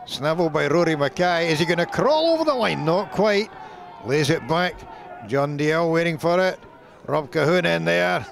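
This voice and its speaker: A man with a Scottish accent giving lively rugby play-by-play commentary, rising in excitement with the action. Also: a little high, vocal fry, a little hiss or hum. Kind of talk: sports commentary.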